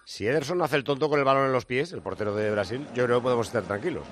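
Mid-pitched man hosting a radio sports show. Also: rapid-fire, loud music behind the voice. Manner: conversational, hands off to reporters.

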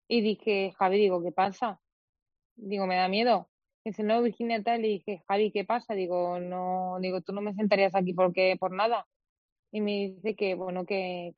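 A young woman from Spain speaks as a radio guest and tells a personal story, full of quoted dialogue and restarts. Her voice sits at a middle pitch. The studio sound is dry and a little dull. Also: no echo. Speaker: interview guest, footballer. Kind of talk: emotional personal account in an interview.

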